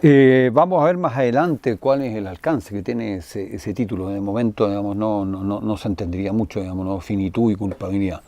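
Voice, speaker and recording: An older man giving a university philosophy lecture, digressive and full of tag questions and fillers, clearing his throat now and then. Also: fairly low pitch, brisk, hardly any pauses, warm tone, dry recording. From Chile.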